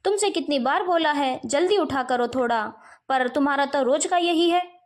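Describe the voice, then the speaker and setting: A woman voicing a short-tempered husband and father who lectures his children gently. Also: sits high, moderate pace, lightly acted. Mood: irritated. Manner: stern then gently explaining.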